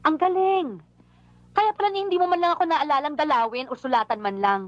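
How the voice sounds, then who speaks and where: A woman's voice: high-pitched, no echo, muffled recording, natural voice. An actress playing an unmarried woman who scolds her long-absent lover in an emotional film scene. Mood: reproachful. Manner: emotional, reproachful, rapid complaining. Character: unmarried woman, hurt and longing, outspoken. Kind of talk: film drama acting.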